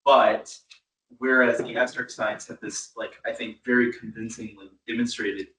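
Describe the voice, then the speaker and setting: A man's voice: mid-range voice, flat delivery, moderate pace, bright, forceful tone. A man in the audience asking a thoughtful, hedging question at a conference. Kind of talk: question from the floor. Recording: echoey room, far from the mic.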